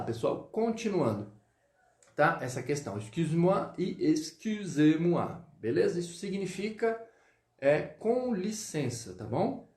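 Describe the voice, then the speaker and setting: A man teaching French in a live online lesson, greeting viewers and drilling pronunciation slowly. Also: a little high, a little mellow, echoey room. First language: Portuguese.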